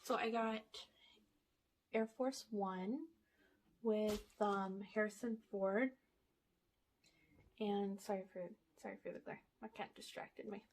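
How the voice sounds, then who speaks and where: A woman vlogger sits in one spot at home, casually chatting through a shopping haul, rambling with fillers and a little out of breath as she reads aloud the blurbs on the backs of DVD cases. Her medium-pitched, darkish voice stays steady, slow, and full of pauses.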